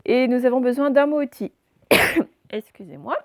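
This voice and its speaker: Patient teacher with a gravelly voice. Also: female voice, high-pitched, lively intonation, normal speed, no room sound. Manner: patient, step-by-step explaining with frequent hesitations; spells out letters and addresses the children directly. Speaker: primary school teacher. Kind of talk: recorded reading and handwriting lesson for young children.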